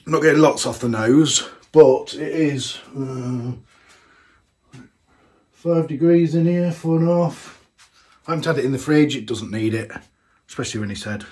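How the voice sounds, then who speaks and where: A man's voice: medium pitch, normal speed, long pauses, a little mellow. A man, chatting casually as he tastes a homebrewed beer in a small home brewing room, thinking aloud with plenty of fillers. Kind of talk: casual tasting vlog.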